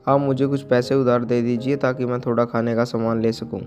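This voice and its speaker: A man's voice: medium pitch, level tone, a little fast, darkish tone, faint music behind, lightly acted. A man voicing a poor, humble young woodcutter who speaks politely and earnestly. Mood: pleading. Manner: polite, pleading. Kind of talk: storybook character voice.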